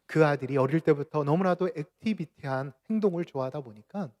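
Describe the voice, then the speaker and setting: A man preaching a sermon as pastor of a church, with dramatic swings from loud cries to near-whispers. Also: on the high side, fairly quick. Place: church sanctuary.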